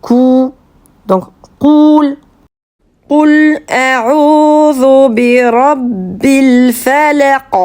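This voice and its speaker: A woman teaching Quranic letters step by step, patient and clear, spelling out sounds slowly and distinctly. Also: a little high, darkish tone.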